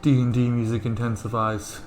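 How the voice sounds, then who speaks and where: A male video game streamer gives casual let's play commentary, playful and sweary, talking to the game's characters. His mid-range voice has little pitch movement and a moderate pace. A roomy-sounding mic picks him up with game music behind him.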